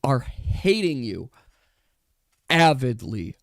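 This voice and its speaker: A man's voice: mid-range voice, sing-song, slow, gravelly, no echo, clean studio sound. A man narrating a tabletop game as game master, moving between dramatic storytelling and casual asides.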